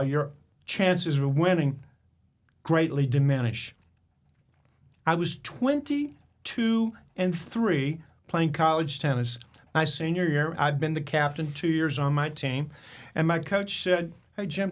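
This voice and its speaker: A man hosting a motivational podcast, telling a personal story with emphatic rhetorical questions. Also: a little high. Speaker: podcast host.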